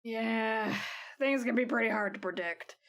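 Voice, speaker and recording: A woman's voice: on the high side, fairly bright tone. A woman running a tabletop game as game master, talking unhurriedly with lots of fillers. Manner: unhurried, full of fillers and laughs.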